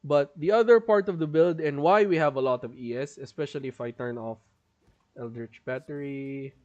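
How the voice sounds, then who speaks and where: A man with a voice on the high side, a little mellow, talks at normal speed during live gameplay commentary, casually explaining his build and laughing a lot. The sound is lo-fi, and his strained voice betrays a suppressed cough.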